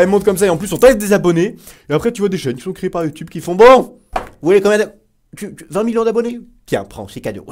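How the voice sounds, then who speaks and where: A young man giving casual reaction commentary as a YouTuber, excitable and exclamatory, full of slang. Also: on the high side.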